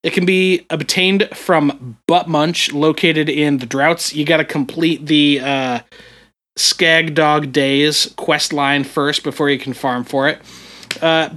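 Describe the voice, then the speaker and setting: Bright-voiced man rambling on a podcast. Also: a little high, steady tone, takes it slowly. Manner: rambling, with frequent fillers and restarts. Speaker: podcast co-host. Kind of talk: casual gaming podcast chat.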